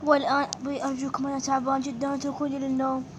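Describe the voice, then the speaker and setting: A woman's voice: sits high, completely flat delivery, rapid-fire, noisy background, lightly acted. A woman voicing a tired, grumpy father in a dollhouse game, weary and wanting to sleep.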